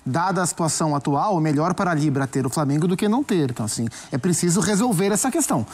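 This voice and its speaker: A man with a Brazilian accent giving his view as a commentator in a studio sports debate, measured and often restarting phrases as he thinks. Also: a little high, expressive, a little mellow. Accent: Brazilian Portuguese.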